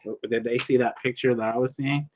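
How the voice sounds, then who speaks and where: A man's voice: medium pitch, steady tone, fairly quick, background noise. Joking, self-deprecating male guest preacher. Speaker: guest, open-air preacher. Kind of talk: casual interview chat.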